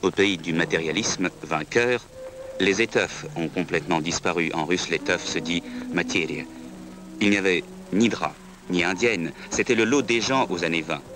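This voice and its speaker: A man reads scripted historical documentary narration in a measured, solemn manner. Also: deep voice, music in the background.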